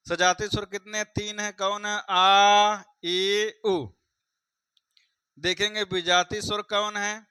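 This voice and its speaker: A man's voice: sits high, sharp tone, clear, resonant tone, no echo, low-quality recording. A man teaching a grammar lesson for exam students, repeating each point and putting questions to his viewers. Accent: Hindi. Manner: repeats points, quizzes viewers, addresses them as friends.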